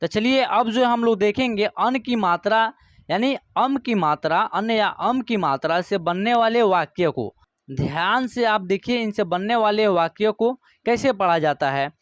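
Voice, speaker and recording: A man teaching Hindi reading online. He sounds out words syllable by syllable and then explains the rule in quick bursts. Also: high voice, lively intonation, no room sound. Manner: addresses viewers as friends.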